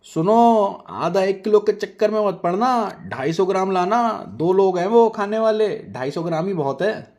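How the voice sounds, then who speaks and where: A man voicing a loud, rude and boastful woman who scolds and taunts everyone in a storybook tale. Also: on the high side, lively intonation, normal speed, voice pushed up. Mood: scolding.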